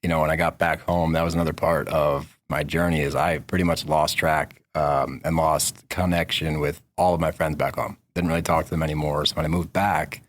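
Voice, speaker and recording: A man's voice: a bass voice, level tone, brisk, hardly any pauses. A man talking as a podcast guest, telling stories in a laid-back, slangy way. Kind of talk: casual conversation.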